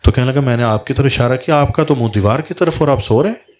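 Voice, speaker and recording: A man's voice: medium pitch, darkish tone. A man, a Sufi spiritual guide, telling a story in a religious talk and acting out the dialogue in quoted voices.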